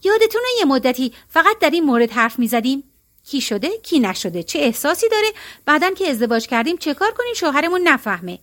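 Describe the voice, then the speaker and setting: A woman's voice: high voice, sing-song. A woman voicing a worried, wistful middle-aged woman in a storybook reading, earnest and plaintive.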